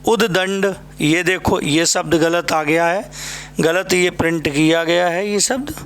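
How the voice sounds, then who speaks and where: A man with a north Indian Hindi accent runs a spelling drill for exam aspirants. His voice sits high, and he takes his time, saying each word several times. He keeps checking in with short tag questions. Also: a little slow, a bit bright, a little hiss or hum. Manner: addresses students fondly as "बेटा" and "भाई मेरे". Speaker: Hindi exam coaching teacher. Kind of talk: spelling lesson at a board.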